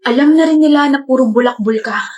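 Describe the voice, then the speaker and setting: A woman acting in comedic skits, sharp-tongued and confrontational toward a cheater. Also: high-pitched, fast talker, lo-fi sound. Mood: gloating. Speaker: lead actress in skits.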